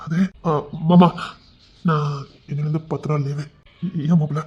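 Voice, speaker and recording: Husky-voiced man telling an emotional story. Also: on the high side, level tone, normal speed. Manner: emotional, tearful delivery of his characters. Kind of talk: dramatic audio story narration. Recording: dull lo-fi recording.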